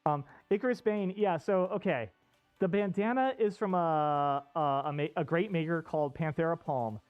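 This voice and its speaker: A streamer's medium-pitched, clean-toned voice moves at a moderate pace through casual, rambling chat, though it comes out muffled and dull from inside an indoor fursuit head. Recorded on an off-costume streaming mic, there's no echo and soft music plays in the background.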